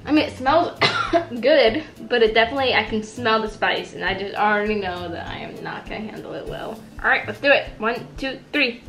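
A woman vlogger chatting casually through a cooking and eating challenge, reacting with lively exclamations. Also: a little high, moderate pace, vocal fry, soft background music. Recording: roomy echo, faint noise.

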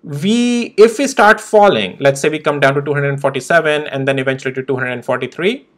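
A man's voice: fairly high pitch, fairly quick, a bit bright. A young man hosting a stock trading channel, walking through charts in a casual, emphatic way with frequent tag questions. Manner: emphatic, repeats tag questions like "right?" and "okay?". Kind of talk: casual chart analysis walkthrough.

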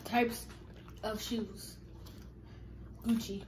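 A woman at the dinner table giving quick, teasing replies during a family game. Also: fairly high pitch, fairly even intonation, a little hiss or hum, low-quality recording. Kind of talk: casual chat.

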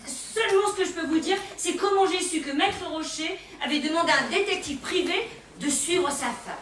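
A woman's voice: extremely high pitch, moderate pace, a little hiss or hum. Actress as a gossipy chatterbox switchboard girl. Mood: chatty. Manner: gossipy, exclaiming, animated. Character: chatty cheerful young woman switchboard operator. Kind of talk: amateur stage comedy. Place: theatre stage. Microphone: distant room mic. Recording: echoey hall from far off.

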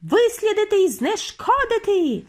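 A woman's voice: on the high side, sing-song, measured pace, fairly bright tone. A woman doing an imperious witch queen. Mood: commanding. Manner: imperious, barking orders. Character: cruel commanding female witch leader.

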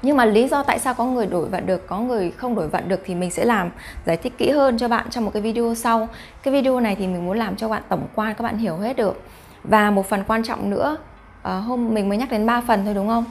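Woman vlogger, chatty, rhetorical questions, gravelly vocal fry, soft music underneath. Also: fairly high pitch, fast. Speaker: YouTube vlogger host. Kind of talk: talking to camera about face reading.

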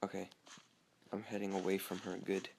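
A man's voice: deep voice, monotone, normal speed, creaky, background noise. A young man giving casual, chatty commentary over his own gameplay, talking to himself and easily startled. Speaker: gamer.

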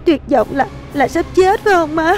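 A woman's voice: extremely high pitch, expressive, moderate pace, darkish tone, soft background music. An actress with a Southern Vietnamese accent playing a panicky young wife who stammers and frets over her husband. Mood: frantic. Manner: frantic, stammering repeats. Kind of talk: comedy film acting.

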